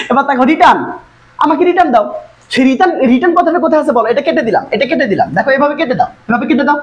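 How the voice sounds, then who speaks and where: Fast-talking, high-voiced woman tutor. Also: poor audio. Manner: fast, coaxing, repeatedly urging students to look. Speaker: English tutor. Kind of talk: online exam-prep lesson.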